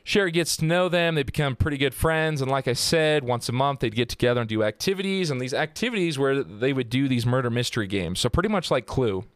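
A man talks through a true-crime case on a podcast in loose, joking, profane chat. His voice is smooth and clear, and the recording is dry and close. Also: medium pitch, dry recording. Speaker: podcast host.

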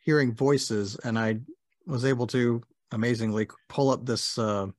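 A man's voice: mid-range voice, fairly even intonation, measured pace, darkish tone, no echo, clean studio sound. A man co-hosting a podcast who reads a definition aloud, then cracks a joke about it. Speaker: podcast co-host. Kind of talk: casual chat.

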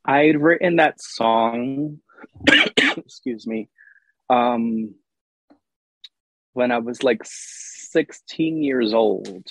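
A man's voice: medium pitch, extremely slow, long pauses, a bit bright, no room sound, poor audio. A young man, a singer-songwriter, answering interview questions in an earnest, open way, with many ums.

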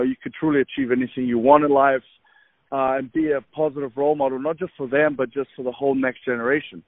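A man in his thirties from Egypt talks as a guest in an eager, animated way, full of fillers and quick restarts. His voice comes through a tinny, phone-like line. The sound is dry with no room around it. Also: mid-range voice, dry recording. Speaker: podcast guest, fitness trainer. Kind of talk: casual interview chat.

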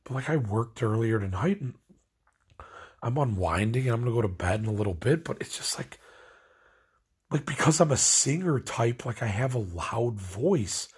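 A young vlogger from Illinois, USA, is stoned and ranting late at night in an expressive, husky mid-range voice at a moderate pace. His talk meanders casually, packed with "like," and he trails off mid-thought.

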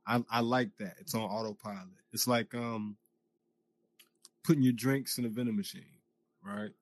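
A man's voice: lowish voice, fairly even intonation, moderate pace. A man from the United States, a podcast guest, chatting casually and emphatically through a VR headset mic in a virtual space. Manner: emphatic, talks loosely with fillers. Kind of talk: casual chat. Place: virtual reality social space.

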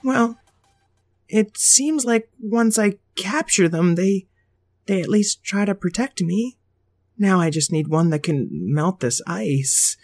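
A woman's voice: mid-range voice, expressive, slow, a little mellow, dry recording, voice pushed up. A woman voicing a small, childlike magic wand, fretful and pleading in a storybook reading.

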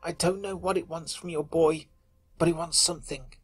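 Male reader doing tearful widower's phone message, quiet, remote, husky. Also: fairly high pitch, steady tone, moderate pace, faint music behind, voice pushed up. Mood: distraught. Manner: whimpering, shaky. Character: grieving man whimpering on a voicemail.

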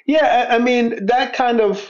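A man speaking in an interview, halting and searching for words. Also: very high voice, steady tone, highs cut off. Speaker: guest guitarist.

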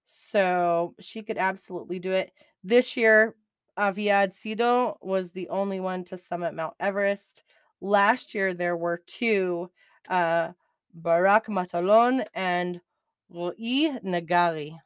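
Smooth-voiced chatty woman podcaster. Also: lowish voice, slow pace, no echo, studio quality. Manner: chatty and excitable, laughing easily. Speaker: podcast host. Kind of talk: casual podcast recap.

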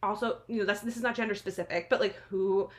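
A woman in her late twenties from New Jersey with an American accent, chatting casually as a podcast guest in an animated, wry, self-deprecating way. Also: mid-range voice, fast. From New Jersey, United States. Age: late 20s. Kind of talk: casual interview chat.

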